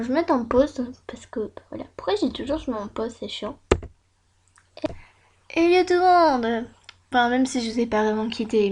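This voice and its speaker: A woman's voice: on the high side, a little mellow, a little hiss or hum. A woman YouTuber chatting casually over a screen recording at home, rambling with many fillers and self-mocking asides. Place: at home at her computer.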